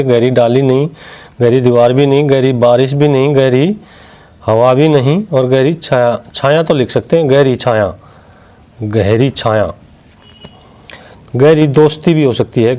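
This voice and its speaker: A man's voice: medium pitch, dark tone. Guy teaching a kids lesson, stretches out each word, asks then answers his own questions. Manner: slow, drawn-out word drills, asking and answering himself. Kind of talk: children's Hindi lesson.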